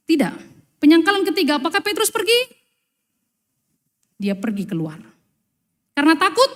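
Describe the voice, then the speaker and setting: High-voiced woman pastor preaching in a church. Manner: lively storytelling, acting out quoted voices. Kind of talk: sermon. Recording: long church reverb.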